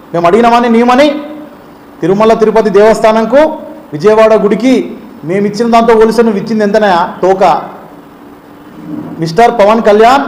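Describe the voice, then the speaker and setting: A man's voice: extremely high pitch, darkish tone. A man from Telangana with a Telangana Telugu accent, a student leader giving a heated political speech full of accusing rhetorical questions. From Telangana, India.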